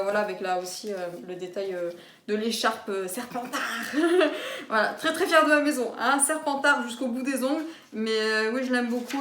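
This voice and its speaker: A young woman chatting enthusiastically about books she bought, full of fillers and giggles. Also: mid-range voice. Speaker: booktuber. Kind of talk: casual book haul chat. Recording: roomy echo.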